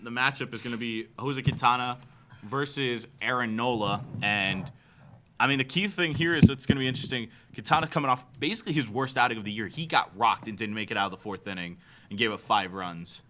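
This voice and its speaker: Bright-voiced man chatting baseball. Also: medium pitch, brisk, slight background noise. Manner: excitable, laughs often. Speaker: baseball livestream co-host. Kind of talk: casual fan chat.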